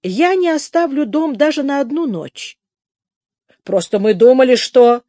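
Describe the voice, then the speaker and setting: A woman reading the part of an anxious, stubborn young woman in a slow, raised voice. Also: sits high, expressive, warm tone, no echo, clean studio sound, voice pushed up.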